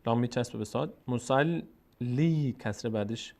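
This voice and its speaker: Male Quran reading teacher, methodical, mid pitch, drawls syllables as examples. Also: expressive. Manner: methodical, spells out and slowly drawls syllables to model them. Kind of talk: step-by-step Quran reading lesson.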